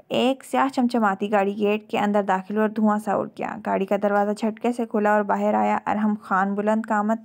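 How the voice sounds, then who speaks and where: A woman's voice: mid-range voice, creaky, darkish tone. A woman narrating a dramatic novel in an emotive storytelling manner. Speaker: novel reader.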